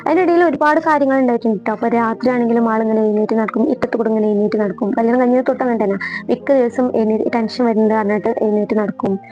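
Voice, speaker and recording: Speaking in a warm, fairly high voice at a racing pace, a Kerala woman earnestly recounts her marriage, her tone steady as she circles back over the same points. It's emotional personal storytelling, captured in dull lo-fi sound with some faint music.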